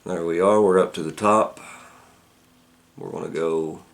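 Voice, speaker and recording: A man giving a casual product review, halting as he thinks aloud. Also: low voice, steady tone, gravelly. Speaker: pipe tobacco reviewer.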